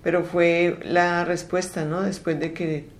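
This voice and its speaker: Low-voiced woman interviewer. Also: level tone, a little slow, a little hiss or hum. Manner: brief prompts and follow-up questions. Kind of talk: interview questions.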